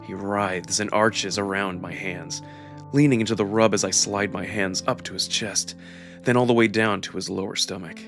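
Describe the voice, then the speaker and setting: Over background music, a low-voiced man delivers first-person narration for a visual novel, intimate and expressive in tone. He moves at a moderate pace with some vocal fry.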